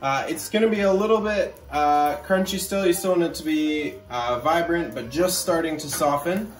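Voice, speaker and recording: Young chef giving casual cooking steps. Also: male voice, on the high side, moderate pace. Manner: casual, many "uh" fillers. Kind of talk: cooking instructions. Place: restaurant kitchen. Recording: echoey kitchen, distant, music behind.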